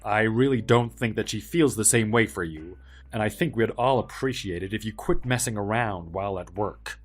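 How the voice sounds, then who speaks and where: An actor playing a polite, helpful young office worker with quiet backbone, speaking in an earnest, measured way in a dramatized story. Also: male voice, fairly low pitch, soft background music, close to an everyday voice. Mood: firm.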